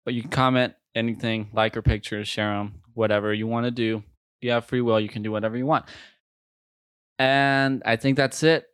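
A man's voice: medium pitch, fairly even intonation, normal speed, a bit bright, clear, resonant tone, no echo, clean studio sound. Casual male podcast host with popping p sounds. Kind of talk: casual podcast sign-off and banter. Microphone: close mic without pop filter.

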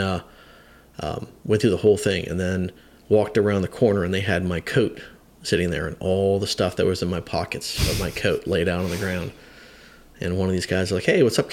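A deep, gravelly-voiced man in his fifties, a veteran firefighter, tells a long story during a podcast chat. He rambles and hesitates, restarting often and acting out the quotes as he goes in this conversational storytelling.

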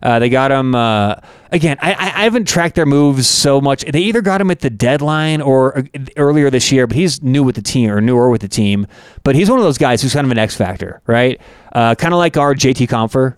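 Lively Canadian man talking sports. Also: mid-range voice, a little fast, clear, resonant tone, dry recording, studio quality. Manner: excitable, animated when imitating announcers. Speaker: podcast co-host. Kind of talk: casual sports chat.

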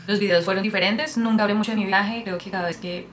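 A woman vlogger, a native Spanish speaker, chats casually to camera for her viewers, switching into English mid-sentence now and then. Her mid-range voice is steady and fast, with a little hiss or hum in the audio. She's chatty and tends to ramble.

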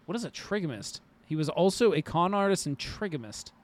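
A man co-hosting a podcast who chats in an excitable, animated way and laughs a lot. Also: on the high side, fairly quick, no room sound. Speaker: podcast co-host. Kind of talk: casual chat.

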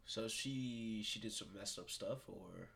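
A man's voice: lowish voice, measured pace, vocal fry, fairly bright tone, slight background noise. A young man hosting a casual podcast, laid back and answering with short replies and slangy reactions. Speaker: podcast host. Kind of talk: casual chat.

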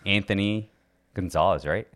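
A man hosting a casual interview, relaxed and affirming, often answering with a short yeah. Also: low voice, normal speed. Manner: relaxed, affirming with frequent yeahs. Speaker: host.

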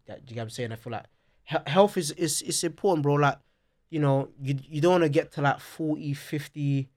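A man's voice: fairly high pitch, fairly quick, darkish tone. A man with a London roadman accent chatting casually on a podcast, slangy and often checking that he is understood. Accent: London, urban slang. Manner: slangy, repeats "you know what I'm saying".

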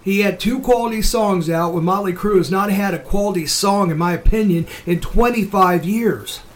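A man's voice: high-pitched, moderate pace. A man hosting a casual talk show, giving opinionated commentary in a blunt, sweary, emphatic manner. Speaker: show host.

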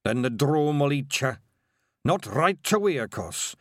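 A man's voice: medium pitch, very animated, unhurried, a bit bright, no room sound, studio quality, voice pushed up. A man voicing a boastful little male pixie chieftain with a Scottish accent. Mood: gruff.

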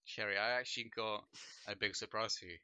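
On his livestream, a young man from Poland, Polish by first language, keeps up relaxed, rambling chatter thick with "like" and "bro." He streams and hosts a podcast, and his lowish voice moves briskly with a clean tone. There's no echo, but the home mic sounds dull and lo-fi.

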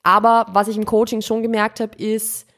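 A woman's voice: fairly high pitch, flat delivery, moderate pace, fairly bright tone. A young woman hosting her podcast, answering listener questions in a chatty, rambling way, often correcting herself and dropping in English words. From Austria. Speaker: podcast host. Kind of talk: casual Q&A monologue.

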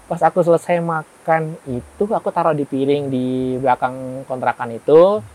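With a somewhat high voice and a moderate pace, a young man serves as guest storyteller for a horror tale told conversationally. He's lively and voices the dialogue himself. Audio quality is poor.

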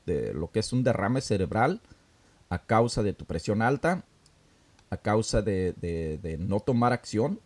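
A man's voice: lowish voice, sing-song, unhurried, a little mellow. A man hosting a talk show, giving earnest advice in a casual, filler-laden way. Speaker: radio talk host.

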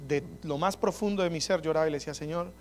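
A man preaching an earnest, personal sermon on prayer, often dropping to soft prayerful tones. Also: a little high, very fast. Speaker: pastor. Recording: music bed under the voice. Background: soft instrumental music.

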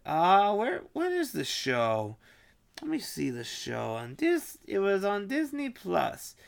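Gravelly, animated woman rambling on a vlog. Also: slow pace. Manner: rambling, swears often, many fillers, sudden jumps in pitch. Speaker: vlogger. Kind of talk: casual rambling vlog chat.

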